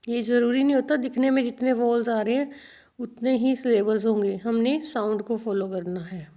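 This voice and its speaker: Woman teaching slowly. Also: fairly high pitch, fairly even intonation, dark tone. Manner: repeats words slowly, addresses students as children. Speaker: English teacher. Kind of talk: teaching a video lesson.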